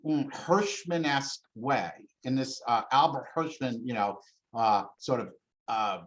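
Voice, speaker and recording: A man answering interview questions, explaining at length in a lively, animated way with frequent fillers and restarts. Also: mid-range voice, measured pace, poor audio. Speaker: interviewed scholar.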